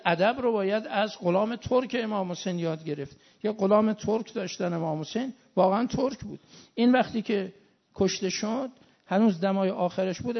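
Male preacher for a mourning sermon: very high and gravelly, impassioned storyteller, lo-fi sound. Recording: dull lo-fi recording.

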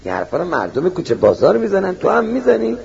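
A man's voice: sits high, wildly swooping pitch, gravelly, darkish tone, exaggerated voice. A man preaching who voices a majestic divine call rebuking a prophet, in a dull lo-fi recording.

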